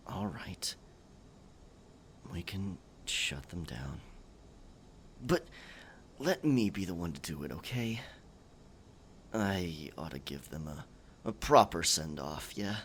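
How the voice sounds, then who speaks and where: For a scripted audio roleplay, a man plays a sentimental, theatrical pirate captain, gravelly and stammering through archaic pirate lines with halting drama. He sounds resigned and sad, his low voice fairly bright with big pitch swings, over slight background noise.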